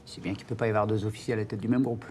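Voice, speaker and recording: A man's voice: on the low side, steady tone, racing, darkish tone, lightly acted. An actor playing a blunt, sceptical police group leader in a TV crime drama, pressing his points. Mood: matter-of-fact. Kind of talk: naturalistic TV crime drama acting. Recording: TV soundtrack with background ambience noise.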